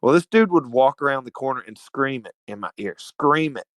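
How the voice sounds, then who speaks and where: A man from Alabama with a Southern US accent, telling stories as a podcast guest in an animated, slangy, profane way. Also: medium pitch, a little fast, no room sound. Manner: animated, slangy and profane, calls everyone dude. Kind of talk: casual storytelling chat.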